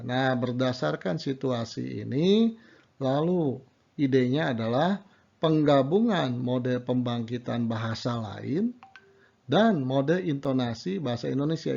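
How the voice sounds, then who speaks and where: A middle-aged man lectures at a university, walking through his points with rhetorical questions and little checks like "right?". His voice has a gravelly, fry-laden edge. The recording sounds dull and lo-fi. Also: medium pitch, a little mellow. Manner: explanatory, rhetorical questions, frequent "ya" and "nah".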